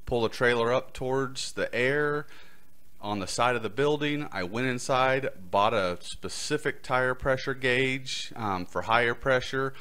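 Bright, forceful, clear and resonant, this middle-aged podcast host's medium-pitched voice keeps a measured pace. He narrates a prepared personal story into a close boom-arm microphone in a small indoor studio.

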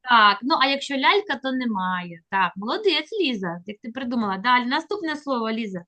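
A woman teaching a child to read on a video call, patient and encouraging, drawing her prompts out slowly. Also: fairly high pitch, very animated, pushed and bright. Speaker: literacy teacher. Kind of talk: online reading lesson with a child.

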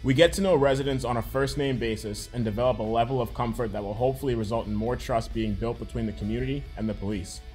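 A man reading a scripted narration in a brisk, formal manner. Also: mid-range voice, a little mellow, faint music behind.

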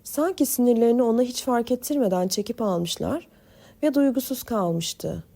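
A woman reads an audiobook novel aloud in a measured, expressive manner. Her voice sits a little high and sounds warm and mellow. She keeps the narration steady and controlled. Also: gravelly.

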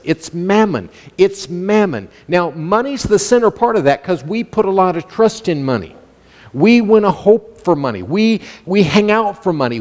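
A man preaching a sermon as pastor, animated, acting out the inner voices of his listeners. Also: high voice. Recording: long hall reverb.

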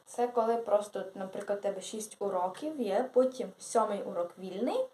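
A woman's voice: mid-range voice, moderate pace, mellow. A teenage girl from Ukraine chatting casually in a vlog, rambling along and correcting herself. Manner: rambling, with self-corrections and hesitations. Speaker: vlogger. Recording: echoey room.

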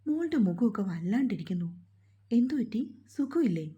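A woman's voice: on the high side, big pitch swings, a little fast, dark tone, dull audio. A woman voicing a kind, motherly older housekeeper who fusses and coaxes with worried questions. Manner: doting, coaxing questions.

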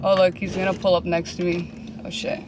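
A woman's voice: lowish voice, flat delivery, a little fast, background noise. A woman in her twenties chatting casually to her phone camera in a slangy, blunt vlog style with some swearing. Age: 20s. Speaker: vlogger.

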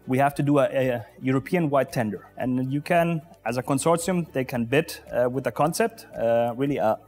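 A man in his forties, a pavilion official, answering interview questions in a halting way with many filler sounds, recorded on a lapel mic inside an exhibition hall. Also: mid-range voice, darkish tone. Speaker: pavilion deputy commissioner general.

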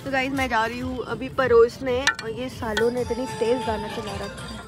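A woman's voice: a little high, flat delivery, moderate pace, music in the background. A young Indian woman chatting to her viewers in a casual travel vlog, outdoors at a windy night camp, talking into a handheld phone. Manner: chatty, addresses viewers as guys. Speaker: vlogger.

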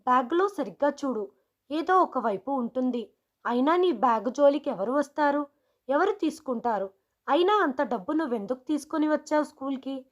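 A strict female schoolteacher barks one harsh question after another in a high, pushed voice, as a woman storyteller puts her on. The tone is scolding and severe. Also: lively intonation, normal speed. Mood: sharp.

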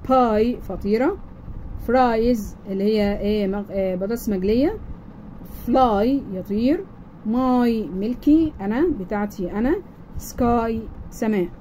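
A woman's voice: on the high side, unhurried, dark tone, a little hiss or hum, poor audio. Egyptian woman teaching English to kids. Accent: Egyptian Arabic. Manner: repeats each word twice, explains in simple steps. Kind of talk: children's English lesson.

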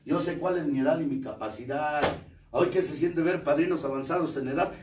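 A man's voice: a little high, a little fast. A middle-aged man with a Mexican accent, giving a coarse, profanity-laden confessional testimony at a recovery group meeting. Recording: roomy, distant mic, faint noise.

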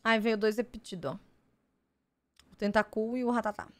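A young woman with a Brazilian Portuguese accent chats casually to her stream, bursting into gushing exclamations. Her voice sits fairly high. The sound is dry and close. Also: normal speed, no echo. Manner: gushing, easily excited exclamations. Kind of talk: casual card-opening chat.

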